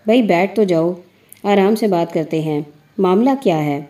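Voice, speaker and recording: A woman voicing a smooth-talking male union boss in a story, soothing and evasive. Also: on the low side, warm tone, close to an everyday voice. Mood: placating.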